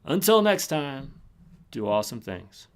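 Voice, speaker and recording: A man's voice: medium pitch, sing-song, a little slow. Man answering webinar questions, voice going. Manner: casual, full of fillers and restarts. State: losing his voice. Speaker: webinar presenter. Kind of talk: live webinar Q&A.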